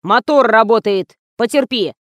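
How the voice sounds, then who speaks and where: A woman's voice: fairly high pitch, measured pace, fairly bright tone, dry recording. A woman voicing a blunt male camera operator who snaps back and mocks the others, in a storybook reading. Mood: snapping. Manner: curt, snapping, mocking.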